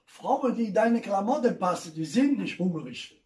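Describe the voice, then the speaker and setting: A man's voice: high voice, animated, moderate pace, a little mellow. A man with a Rhineland German accent telling carnival jokes at home, chuckling at his own punchlines. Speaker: carnival comedian. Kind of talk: stand-up joke telling. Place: home living room. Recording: echoey room, distant mic.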